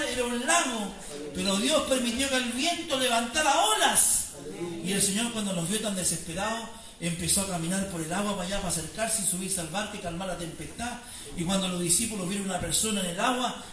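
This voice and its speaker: Chilean preacher guy, high voice, fiery sermon, super echoey church from far off with the crowd chiming in. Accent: Chilean Spanish. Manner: fervent, swells to near-shouts and sing-song on praise. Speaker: pastor. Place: church hall. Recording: echoey church sound from a distance with congregation.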